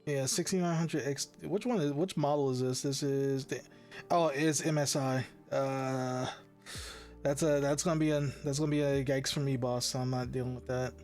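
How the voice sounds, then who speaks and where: A man's voice: mid-range voice, steady tone, normal speed, darkish tone, soft background music. A young man hosting a casual podcast chat, rambling with lots of restarts, swearing and laughing. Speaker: podcast host.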